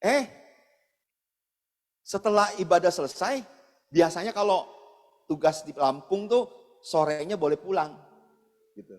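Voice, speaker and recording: A man's voice: high-pitched, a little slow, pauses often. A male pastor giving a casual, chatty storytelling sermon, speaking directly to his congregation. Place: church service hall. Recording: long church reverb, soft guitar behind.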